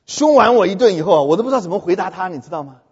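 A man preaching a sermon through lively storytelling, often putting questions to his audience. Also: high voice, rapid-fire, slightly rough. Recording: echoey hall, dull lo-fi sound.

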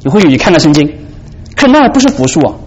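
Animated male preacher, lively pitch. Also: quick pace, breathy edge. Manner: animated preaching, asks the congregation "right?". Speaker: pastor. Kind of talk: sermon. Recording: dull lo-fi recording with faint background noise.

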